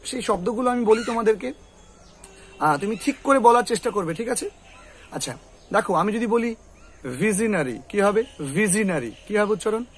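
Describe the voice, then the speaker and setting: A man's voice: high voice, a little fast, pauses often, breathy edge. A man teaching English pronunciation, repeating words and quizzing a student. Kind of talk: tutoring lesson with a student.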